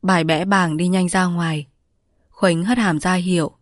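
A woman host reading a novel aloud in measured, polite scripted narration. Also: fairly low pitch, steady tone, no echo, studio quality. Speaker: audiobook narrator.

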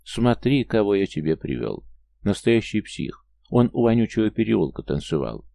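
A man voicing a hulking ragged slum tough who yells and jeers hoarsely, in an audiobook. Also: lowish voice, very animated, moderate pace, dry recording. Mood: jeering. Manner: hoarse bellowing.

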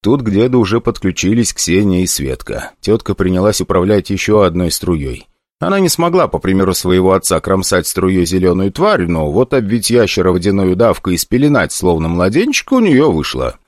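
A man giving an expressive, first-person narration of a fantasy audiobook. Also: deep voice, a little fast, no echo, studio quality.

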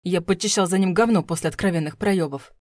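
Lady voicing an angry violent husband in an audiobook, yelling threats, lowish and loud, no room sound. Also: fast talker, no room sound, lightly acted. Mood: bitter rage. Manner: shouting, threatening. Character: violent, furious husband, young adult man. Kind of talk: audiobook character voice.

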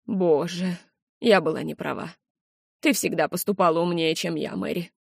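A woman reading the part of a kind older woman who is apologetic and soft-spoken. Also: fairly low pitch, moderate pace, gravelly, slightly rough, no echo, studio quality. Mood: remorseful. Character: remorseful kindly older woman.

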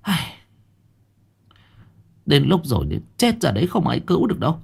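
A man voicing a sharp-tongued middle-aged village wife, scolding and questioning urgently. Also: on the high side, huge pitch swings, moderate pace, creaky, husky, pitched above the performer's own voice, full character voice. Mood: warning.

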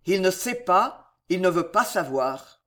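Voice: mid-range voice, expressive, a bit bright. A reader narrating a historical novel in a dramatic, storytelling manner. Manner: slow, theatrical storytelling. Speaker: audiobook narrator.

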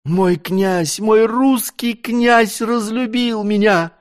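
Distraught young woman, guy doing her voice, pitched up, wailing, drawn out. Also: a little slow, a little mellow, natural voice. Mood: despairing. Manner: sobbing, pleading, hysterical. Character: despairing young woman, tearful and bitter. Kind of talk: audiobook character voice.

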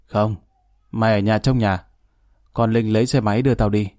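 A man's voice: lowish voice, steady tone, normal speed, darkish tone, dry recording, studio quality, natural voice. A man reading the part of a stern, decisive older mother who gives curt orders, in a spoken story. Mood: commanding. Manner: curt, commanding.

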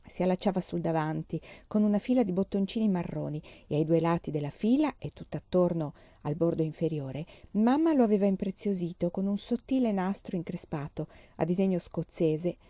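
A woman reading a storybook aloud in a calm, measured narration. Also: fairly low pitch, no room sound, muffled recording. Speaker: audiobook reader.

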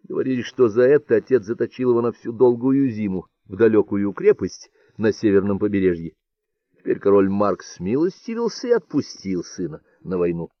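A man narrating an audiobook in a calm, measured storytelling manner. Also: lowish voice, dry recording, muffled recording. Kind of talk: scripted narration.

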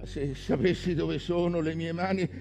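An actor playing a vengeful, obsessed old whaling captain in a declamatory theatrical stage monologue, moving between hushed brooding and bellowed commands. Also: male voice, on the high side, steady tone, moderate pace, gravelly, soft background music. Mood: grave, resigned.

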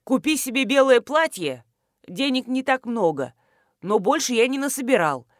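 Lady reading as a bossy fat colonel, gruff and fumbling, dead dry sound. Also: a little high, big pitch swings, moderate pace, dry recording, voice pushed up. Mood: insistent. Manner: bossy, fumbling, shouting orders. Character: pompous stout male colonel, gruff.

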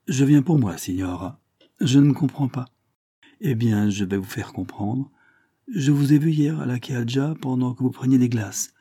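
A man's voice: medium pitch, moderate pace, mellow, husky, dry recording, clean studio sound, voice pushed up, close to an everyday voice. A man reading aloud and voicing a bold, cold young man from the Calabrian mountains, with an intense, rising delivery. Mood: explaining.

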